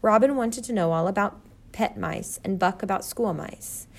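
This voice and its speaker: A woman's voice: medium pitch, normal speed, vocal fry. A woman narrating a children's storybook steadily. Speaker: audiobook narrator.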